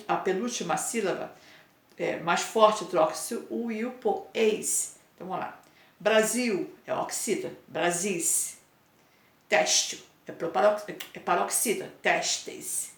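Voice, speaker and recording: A patient Brazilian Portuguese teacher with a medium-pitched female voice explains homework to her pupils in an echoey room. She draws out the spelling of word endings and checks in often with "né?" and "tá?".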